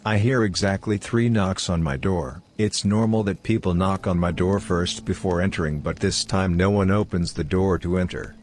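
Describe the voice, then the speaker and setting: A man giving a steady first-person narration of online horror stories. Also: low voice, moderate pace, few pauses.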